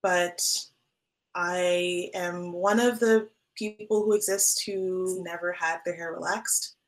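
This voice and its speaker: A young woman guest in a casual interview, speaking thoughtfully with pauses. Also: on the low side, steady tone.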